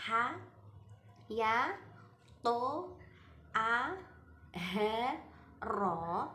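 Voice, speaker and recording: A woman, a student, explaining recitation rules step by step and drawing out the example words slowly. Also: medium pitch, a little hiss or hum. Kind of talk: recited tajwid lesson with Quran examples. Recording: echoey room, faint music behind.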